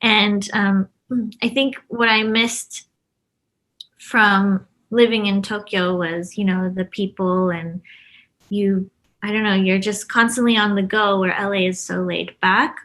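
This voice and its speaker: This stationery shop co-owner, raised across Brazil, the US and Japan, is a guest in a casual interview. Her mid-range voice is fairly bright and steady, her pace slow, and she chats informally, laughing readily.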